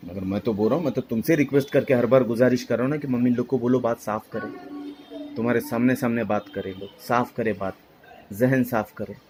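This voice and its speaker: A man presses his mother in a heated family argument, accusing and insistent, returning again and again to the same questions. His voice sits at an ordinary middle pitch. A faint noise hangs behind him. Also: fast talker, a little mellow. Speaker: son arguing with his mother.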